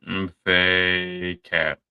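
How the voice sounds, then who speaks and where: A man's voice: deep voice, monotone, extremely slow, smooth, lo-fi sound. A man co-hosting a casual live podcast, answering in short, offhand remarks. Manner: brief, offhand replies. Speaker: podcast co-host. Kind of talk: casual live-stream chat.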